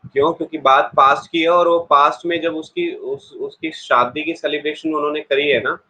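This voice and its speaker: A man's voice: fairly high pitch, steady tone, moderate pace, sharp tone, low-quality recording. A man teaching an online exam-prep English class in a chatty way, explaining with everyday examples and talking straight to his students.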